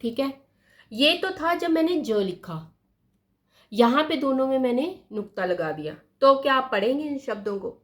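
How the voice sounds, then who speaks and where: A woman teaching a lesson, writing words on a board and repeating each one slowly, often asking her pupils questions. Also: sits high, animated. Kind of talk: slow classroom explanation at a board.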